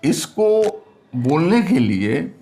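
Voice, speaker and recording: A man teaches a classroom lesson slowly, spelling out sounds one at a time and posing questions he answers himself. His voice is fairly high, very animated, and mellow, with a little hiss or hum in the recording.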